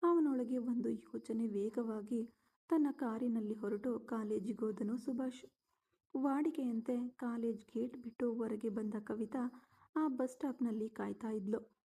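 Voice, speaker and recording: Creaky-voiced woman storyteller. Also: fairly high pitch, a little slow, mellow. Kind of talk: storybook narration.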